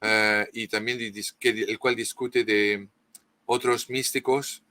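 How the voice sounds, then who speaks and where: Interviewed as a guest author, a middle-aged man from France speaks with a French accent in a fairly low, sharp voice that barely moves in pitch. His long lecturing is halting, full of restarts and fillers, with no echo.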